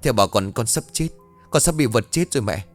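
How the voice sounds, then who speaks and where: A man's voice: medium pitch, expressive, fast, faint music behind, close to an everyday voice. A man voicing a desperate young man in a ghost story who fears he is about to die. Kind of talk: audio ghost story reading.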